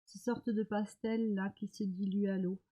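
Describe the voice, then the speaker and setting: A middle-aged woman vlogger showing crafts she got in the mail, talking hesitantly with many pauses while recovering from an illness. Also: medium pitch, flat delivery, dark tone, rough recording. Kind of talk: casual show-and-tell of mail.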